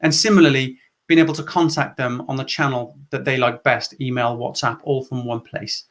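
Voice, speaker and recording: A middle-aged Welshman gives a structured presentation on customer service at a conference, explaining each point step by step. His mid-range voice is fairly bright and fairly even, at a moderate pace.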